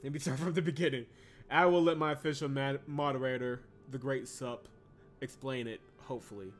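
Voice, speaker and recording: His voice sits in the middle range and moves briskly as he streams a story game, casually chatting with viewers and laughing often. The Georgia, US man stays animated, reads game text aloud, and uses a desk mic while game soundtrack music plays.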